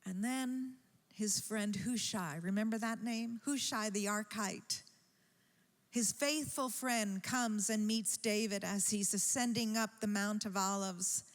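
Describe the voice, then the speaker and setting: A woman preaching a sermon in a church, telling a story slowly and with rising emphasis. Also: mid-range voice. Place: church sanctuary. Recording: long church-hall reverb.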